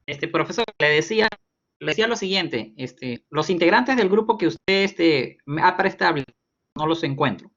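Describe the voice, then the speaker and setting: A man's voice: on the high side, animated, moderate pace, gravelly, fairly bright tone. A male student politely and hesitantly asking his teacher a question in an online class, his voice crackling and cutting in and out. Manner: polite and hesitant, many fillers. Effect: choppy, crackling call audio that cuts in and out. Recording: dull, choppy online call audio.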